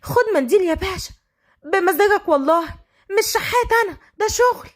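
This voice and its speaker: A woman voicing a defiant young tissue seller with an Egyptian accent, talking in a quick, sharp-tongued way. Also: extremely high pitch, animated, voice pushed up. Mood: pleading.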